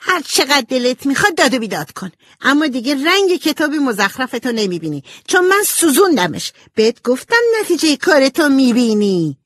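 A spoiled, vengeful little girl with a high, childish whine, put on by a woman reading aloud. Her pitch leaps and dips constantly, and the voice is dry and close. It is a storybook performance. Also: expressive, a little mellow, no room sound. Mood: spiteful.

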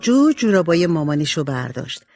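Expressive storybook narrator. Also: mid-range voice, over music. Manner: expressive, varied intonation.

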